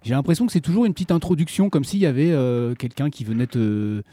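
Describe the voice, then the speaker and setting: A man's voice: mid-range voice, quick pace, mellow, no echo. A man hosting a casual interview, putting loosely phrased, conversational questions to his guest. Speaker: host, interviewer.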